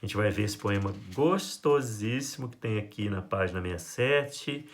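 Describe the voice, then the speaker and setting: A man with a Brazilian Portuguese accent teaching a literature lesson to high school students, playful and animated, acting out quotes in a jumpy voice. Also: moderate pace. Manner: lively, playful, acts out quotes with big pitch jumps. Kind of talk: recorded online class for high school.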